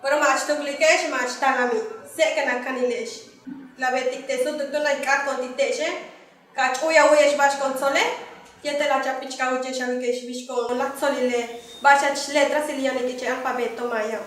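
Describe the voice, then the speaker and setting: A young woman from Yucatán, Mexico, teaches letters and sounds, high-voiced, stopping often to search for words. She sits well back from the mic in a very echoey room. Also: steady tone, fairly bright tone, far from the mic. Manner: halting, with many fillers. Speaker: language teacher. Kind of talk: teaching lesson.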